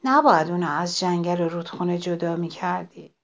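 A woman voicing a patient, hopeful old tree in a children's storybook, speaking gently. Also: on the low side, lo-fi sound, lightly acted. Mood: sad.

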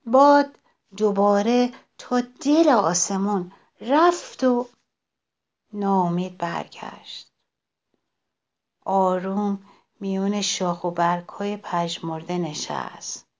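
A woman reading a story aloud to children, expressive and addressing them directly. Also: medium pitch, pauses often, dull audio.

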